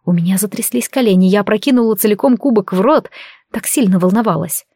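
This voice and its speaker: A woman narrating a first-person fantasy audiobook in an even, expressive reading. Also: mid-range voice, fast, no echo, studio quality.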